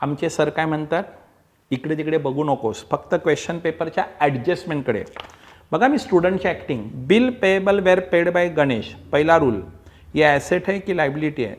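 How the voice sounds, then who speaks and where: A man's voice: on the high side, moderate pace. A man teaching an online accounts class, coaxing his students and acting out their replies, mixing Marathi, Hindi and English.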